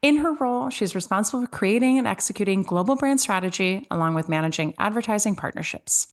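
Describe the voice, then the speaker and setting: A woman's voice: medium pitch, lively intonation, fast. A woman hosting an interview podcast, upbeat and enthusiastic as she introduces her guest and asks questions. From born in Switzerland, raised abroad. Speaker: podcast host.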